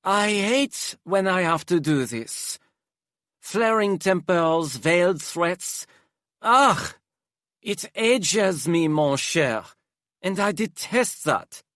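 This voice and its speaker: A man's voice: high-pitched, expressive, takes it slowly, fairly bright tone, no room sound, studio quality, pitched above the performer's own voice, exaggerated voice. A man voicing a flamboyant, menacing young man who speaks in a sing-song, theatrical drawl and drops French endearments.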